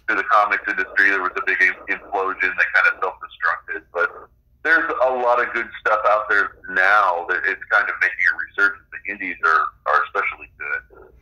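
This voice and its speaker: A middle-aged man, a game designer and author, appears as a guest in a casual interview and explains his own creative work. His voice sits low but sounds bright and forceful. The audio quality is poor.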